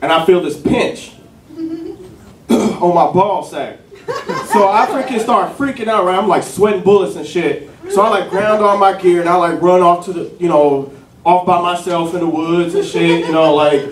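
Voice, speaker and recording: A young man doing a stand-up routine, telling loose, profane stories full of fillers, on a club stage. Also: sits high. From a city. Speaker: stand-up comedian. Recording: echoey club from a distant mic with crowd laughter.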